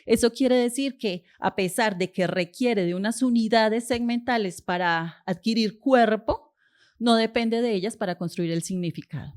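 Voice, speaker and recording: A woman's voice: a little high, normal speed. A woman giving an academic linguistics lecture, explaining step by step with rhetorical questions and frequent hesitations.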